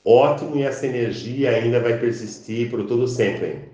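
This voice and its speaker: Echoey man intoning slow spiritual chants. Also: mid-range voice, warm tone, dull audio. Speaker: spiritual teacher. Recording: very echoey room.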